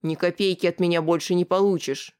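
The reader voicing a loud, furious middle-aged mother who shrieks coarse abuse in an audiobook. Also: normal speed, natural voice. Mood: screaming abuse. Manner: shrill shouting.

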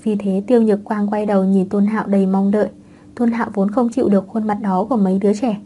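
A woman narrating a web novel audiobook in a calm, even storytelling manner. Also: mid-range voice, fast talker, slight background noise.

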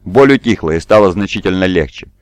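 A man reading an audiobook in scripted narration, at a measured, even pace. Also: sits low, no room sound. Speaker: audiobook reader.

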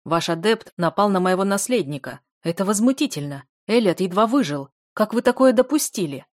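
A woman's voice: on the low side, animated, a little fast, no room sound, clean studio sound. A woman voicing an arrogant, middle-aged male aristocrat who hisses and blusters with indignation, in an audiobook reading. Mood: haughty.

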